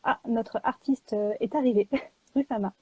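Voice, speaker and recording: A woman publisher and illustrator talking in a live video chat, lively and joking, filling gaps with small words. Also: a little high, normal speed, slightly rough, no room sound, dull audio. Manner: lively and joking, with many fillers.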